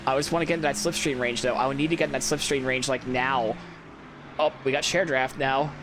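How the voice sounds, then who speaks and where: Tired man, casual game commentary, self-critical rambling, medium pitch, loud engine noise behind. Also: steady tone, a little fast. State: sleepy, tired. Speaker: gameplay commentator. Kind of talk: casual let's-play commentary. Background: racing game engine noise.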